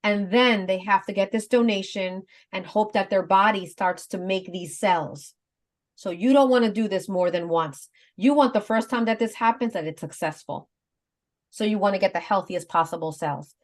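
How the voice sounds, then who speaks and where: Woman, 50s, talk-show guest, earnest step-by-step explainer, easy laugh, mid-pitched. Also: normal speed. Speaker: guest advocate. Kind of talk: casual explanatory chat.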